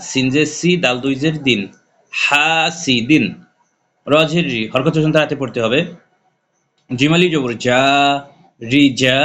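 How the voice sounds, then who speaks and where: Male teacher, mid-pitched, patient drill of letter sounds, stretches vowels, spells each syllable then joins the word. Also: sharp tone. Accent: Bangladeshi Bengali. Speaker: Quran reading teacher. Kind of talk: spelling out Arabic letters in a recorded class.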